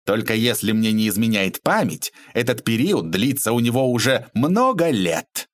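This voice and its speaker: A man voicing an irritable middle-aged shop owner who snaps and shouts when pushed. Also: medium pitch, very animated, normal speed, natural voice. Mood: weary. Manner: exasperated, shouting.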